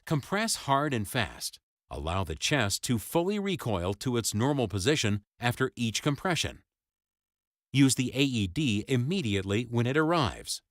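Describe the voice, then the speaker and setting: A man's voice: mid-range voice, very animated, moderate pace, no room sound, clean studio sound. A man reading scripted instructional narration for a first-aid training video, in an emphatic, imperative way. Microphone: close, dry voice-over.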